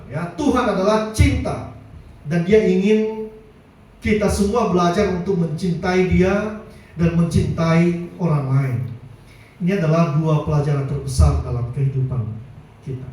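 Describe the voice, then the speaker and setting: A man's voice: on the high side, a little mellow. A middle-aged man preaching a sermon in a church, telling stories casually and dropping in a chatty "ya". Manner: casual storytelling with frequent "ya". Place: church hall. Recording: very echoey hall, mic far off.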